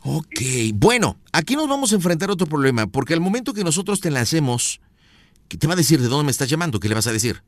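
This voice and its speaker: Teasing Mexican radio host, lively voice. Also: male voice, on the high side, fast, no room sound. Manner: playful, teasing, slangy. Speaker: radio prank show host. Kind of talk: joking radio chat with a caller.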